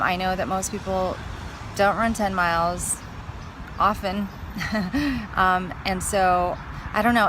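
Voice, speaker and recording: A woman's voice: on the low side, noisy background. A woman talking casually to her vlog viewers, thinking aloud in long, chatty explanations. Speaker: fitness vlogger.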